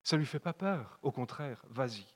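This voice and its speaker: A man with a Swiss French accent preaching a fervent sermon in church, repeating phrases and swinging from loud appeals to soft, low asides. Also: expressive, moderate pace. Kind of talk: evangelistic sermon. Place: church hall. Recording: long hall reverb.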